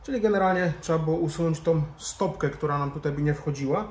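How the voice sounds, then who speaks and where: A man's voice on the high side, darkish in tone, moves at a quick pace as he casually works through a hands-on tutorial, often muttering to himself. He's a motorcycle vlogger. The indoor garage-bar lounge gives the recording a roomy echo, plus background noise.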